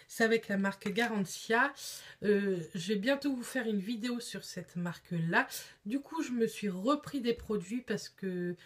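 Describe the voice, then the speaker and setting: A woman's voice: a little high, slight background noise. A woman chatting casually on camera in a beauty haul vlog, with lots of hesitations. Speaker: beauty vlogger.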